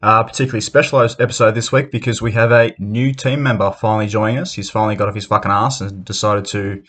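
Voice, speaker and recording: A man's voice: fairly low pitch, flat delivery, quick pace, fairly bright tone. An Australian man hosting a casual podcast, bantering in a matey, sweary tradesman's way. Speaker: podcast host.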